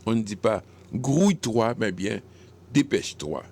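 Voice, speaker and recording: A Haitian-accented man hosts a radio language segment at an unhurried pace. His voice carries a gravelly, creaky texture. He explains and corrects expressions patiently, with small hesitations. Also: fairly low pitch, animated, a little mellow. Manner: didactic, correcting word by word, with hesitations. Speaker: radio host. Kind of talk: radio segment on French usage.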